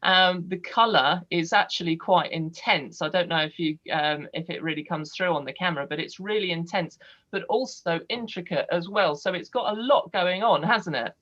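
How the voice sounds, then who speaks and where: A woman's voice: fairly low pitch, moderate pace, fairly bright tone, dull audio. A woman hosting a live online show, chatting over a video call and asking questions with plenty of fillers. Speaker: host.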